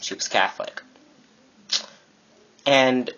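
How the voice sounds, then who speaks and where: A man's voice: mid-range voice, slow. A teenage boy preaching earnestly to camera about faith, acting out what his classmates say. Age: teens. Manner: earnest, animated, acts out quoted classmates. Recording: dull lo-fi webcam audio.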